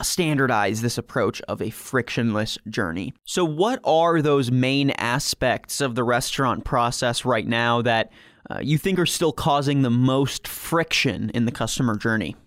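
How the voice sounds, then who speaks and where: A man's voice: mid-range voice, fairly bright tone, no room sound, clean studio sound. Stuffy-nosed male podcast host. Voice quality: nasal, stuffy nose. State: congested from allergies. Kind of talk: scripted intro and interview on a branded podcast.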